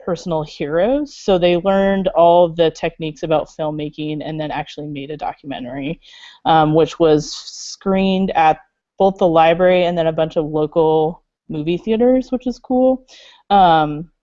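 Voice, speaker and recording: A woman's voice: deep voice, moderate pace, mellow, dry recording. A woman who works at a library makerspace, talking casually on a video call with many fillers. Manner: chatty, many fillers, laughs. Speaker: library makerspace staff member. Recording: dull lo-fi video call audio.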